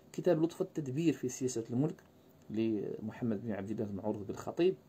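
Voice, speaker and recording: Dark-voiced man giving a lecture. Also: mid-range voice, slightly rough. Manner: fillers and restarts, rhetorical questions to students. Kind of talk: university-style lecture.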